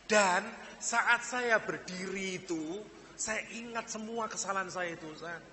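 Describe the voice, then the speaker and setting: A man with a Javanese accent voicing a remorseful former army officer who speaks softly and pleads. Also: high voice, measured pace, big-room sound, slight background noise, exaggerated voice.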